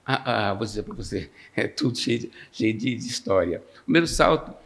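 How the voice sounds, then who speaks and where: A man's voice: lowish voice, animated, moderate pace, creaky, a bit bright. A man with a Brazilian Portuguese accent, a podcast guest telling funny life stories in a casual way and laughing often. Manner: laughs often, acts out quoted voices. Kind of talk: casual storytelling.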